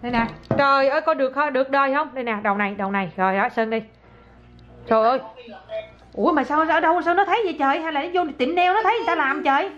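A woman's voice: high voice, very fast, fairly bright tone, highs cut off. A woman, a mother filming her toddler in a casual home vlog, chatty and exclaiming as she coaxes the child.

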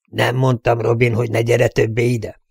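A man's voice: mid-range voice, monotone, gravelly, a little mellow, husky, no echo. Blunt, domineering saloon bully voiced by a man, dry close audiobook sound. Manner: blunt and bossy. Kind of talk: audiobook character voice.

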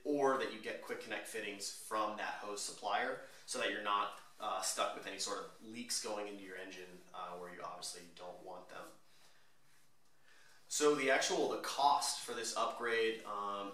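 Brief: lower-voiced man, bright tone, DIY car walkthrough in a roomy garage, mic off at a distance. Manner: relaxed, rambling, many fillers. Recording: echoey room, mic at a distance.

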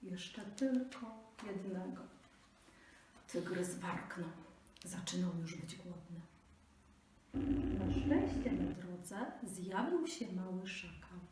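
A woman from Poland reads a fairy tale aloud, slow and expressive. Her voice echoes heavily around the room, recorded from a distance with faint noise behind. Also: on the low side. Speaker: reader. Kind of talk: storybook reading for children.

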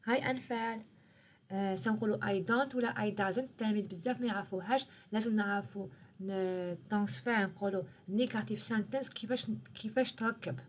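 A woman's voice: medium pitch, fast talker, a little hiss or hum. A woman with an Algerian Arabic accent giving a live-streamed English revision lesson, switching between Arabic, French and English words and checking in with "okay?". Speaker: English teacher.

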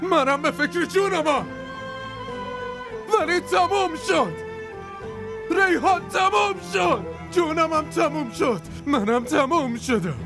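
Drunk, heartbroken young man; slurred and lively in pitch. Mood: bitter. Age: young adult. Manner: slurred, bitter, slow. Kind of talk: Persian dub of a TV drama. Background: music with violin.

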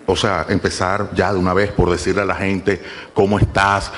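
A stand-up comedian on a comedy club stage does playful crowd work, ordering a volunteer around. His voice is low-pitched and level at a moderate pace, and the recording picks up a loud live audience in the club.

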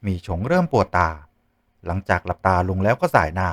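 A man narrating a martial arts novel in an expressive storytelling manner. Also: deep voice, a little fast, no room sound, studio quality. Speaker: audiobook narrator.

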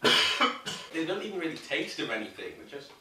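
A man joining a casual tasting review, reacting loudly and animatedly. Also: fairly high pitch, big pitch swings, fast. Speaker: co-host, guest taster. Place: indoor room. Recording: echoey room, distant mic, faint noise.

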